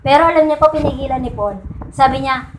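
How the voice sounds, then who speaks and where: A woman preaching a sermon in a conversational way, often checking in with her listeners through quick rhetorical questions. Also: high voice, a little hiss or hum. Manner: conversational, repeats and restarts points. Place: church meeting room. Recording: echoey room.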